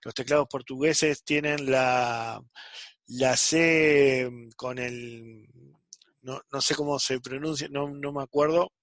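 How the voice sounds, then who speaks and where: This man speaks slowly and steadily at a medium pitch, with a fairly bright tone and a dry recording. He's teaching programming online and keeps confirming understanding, dropping a "¿sí?" or "¿está?" after nearly every phrase.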